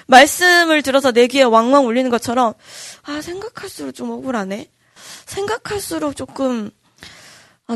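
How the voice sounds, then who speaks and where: A woman's voice: a little high, fairly bright tone, dry recording, clean studio sound. Earnest woman preaching a sermon. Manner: earnest, acts out quoted voices, repeats lines for emphasis. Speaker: pastor. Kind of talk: dawn service sermon.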